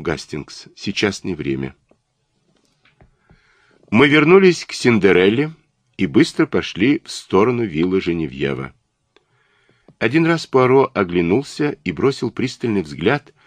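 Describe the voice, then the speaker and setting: A man narrating an audiobook in an expressive, dramatic reading, recorded on a close studio mic. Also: fairly low pitch, no room sound. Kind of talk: scripted narration.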